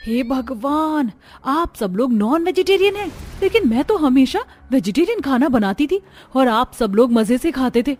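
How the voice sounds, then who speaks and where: A woman's voice: high voice, big pitch swings, normal speed, a little mellow. A woman voicing a proud, easily offended elder daughter-in-law in a cartoon story, speaking emphatically. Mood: shocked. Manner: indignant and emphatic. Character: elder sister-in-law, strict vegetarian, touchy and indignant young wife.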